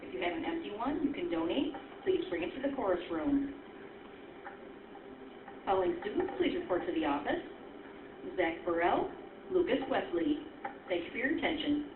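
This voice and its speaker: A woman reading school announcements in a formal, even way over a school intercom loudspeaker. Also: medium pitch, normal speed, long pauses. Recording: tinny echoey loudspeaker with hiss.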